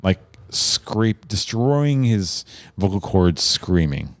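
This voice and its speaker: Young male co-host, deep voice, dead-dry room, quick dry quips between longer riffs. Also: sing-song, no echo. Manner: dry jokes, short interjections. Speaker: podcast co-host. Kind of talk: casual chat.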